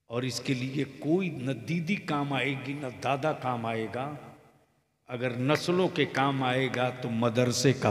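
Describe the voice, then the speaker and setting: A man preaching in Hindi-Urdu at a public religious gathering, moving from calm storytelling to loud shouted climaxes. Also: mid-range voice. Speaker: Islamic preacher. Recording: echoey hall with long reverb.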